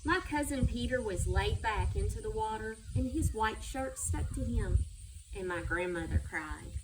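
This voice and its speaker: A school superintendent reads a children's story aloud at normal speed, her voice a little high and animated. It was recorded from a distance, with background noise present.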